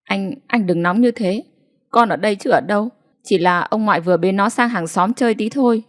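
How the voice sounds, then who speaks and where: A woman's voice: mid-range voice, fairly quick, natural voice. A woman voicing a distraught young village wife who protests bitterly through tears in a storybook reading. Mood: timid pleading. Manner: pleading, then bitterly protesting.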